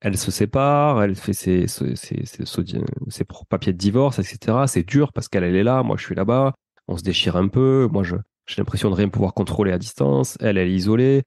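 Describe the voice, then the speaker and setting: A man of around forty with a Toulouse accent speaks in a low, gravelly, mellow voice. He tells his story as a chatty interview guest. The sound is dry and close. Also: brisk, no echo. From France. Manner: chatty, addresses the host with "tu vois".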